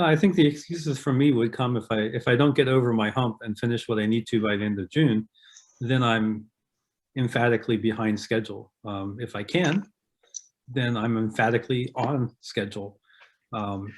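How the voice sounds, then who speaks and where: A man chatting casually on a podcast, teasing his friends and restarting his words. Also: medium pitch. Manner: teasing, halting with repeats. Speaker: podcast co-host and author. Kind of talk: casual chat.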